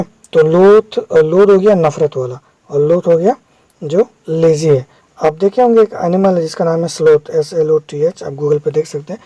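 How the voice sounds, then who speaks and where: Male tutor, mellow tone, dry close recording, patient step-by-step vocabulary explainer. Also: a little high, no echo. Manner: explains step by step, checks in with viewers. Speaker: English vocabulary teacher.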